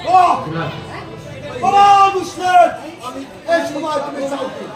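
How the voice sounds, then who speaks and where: A man playing a proud, threatening warrior commander in folk theatre, with booming, declamatory, scornful delivery. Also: fairly even intonation, slow. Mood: challenging. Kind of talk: folk jatra stage acting. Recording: echoey distant stage, music and crowd noise.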